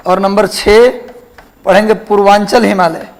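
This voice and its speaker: With a high voice and fairly even intonation, a man teaches geography at an unhurried pace on a rough recording. He repeats key terms throughout the lecture and quizzes his class.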